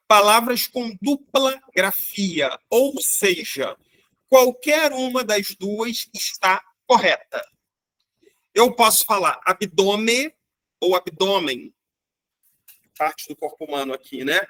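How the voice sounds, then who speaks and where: A man's voice: high-pitched, pushed and bright, dry recording. A man from Brazil teaching a grammar lesson, explaining patiently and often checking in with "né?" and "tá?". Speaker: Portuguese teacher.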